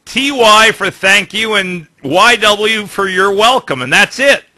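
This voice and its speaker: A man's voice: high voice, a little slow, sharp tone. A man with an English accent hosting a casual radio chat, formal and dry in his humor. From England. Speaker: radio show host.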